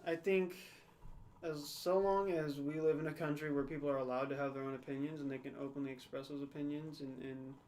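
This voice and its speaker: A young podcast co-host with a fairly high yet darkish voice speaks fairly quickly in a steady tone. Casually discussing things, he thinks them through with hedges and frequent "right?" and "you know."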